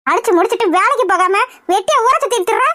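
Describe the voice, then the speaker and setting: A woman voicing a sharp-tongued old grandmother in a cartoon comedy, shrill and nagging. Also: very fast, noisy background. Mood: scolding. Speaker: cartoon voice actor.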